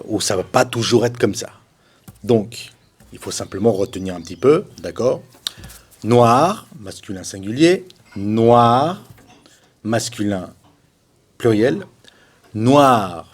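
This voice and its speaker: A man teaching French colors, repeating each word slowly for pronunciation and adding chatty, shrugging asides about the rules. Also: mid-range voice, a little mellow. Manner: repeats words for pronunciation drills, patient. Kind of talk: slow, deliberate language lesson.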